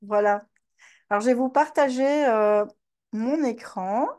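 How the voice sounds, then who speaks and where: Chatty Belgian woman, slow, fairly high. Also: a little mellow. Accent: Belgian French. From Belgium, Namur region. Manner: chatty, greets attendees by name, many hesitant fillers. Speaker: webinar host and trainer. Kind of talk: live online master class.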